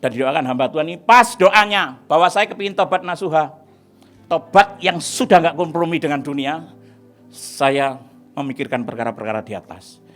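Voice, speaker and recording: A pastor tells his testimony to a church congregation. His voice sits fairly high for a man, and he swings dramatically from hushed asides to shouted lines. Faint music plays softly underneath. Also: animated, moderate pace. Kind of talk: testimony sermon. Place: church service.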